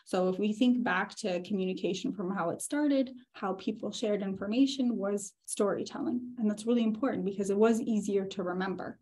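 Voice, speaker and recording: Brief: thirties woman, mid-pitched, laid-back workshop presenter, chatty explanations. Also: brisk, few pauses, darkish tone. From Ukraine. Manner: easygoing, explains with fillers and restarts. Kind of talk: conversational presentation.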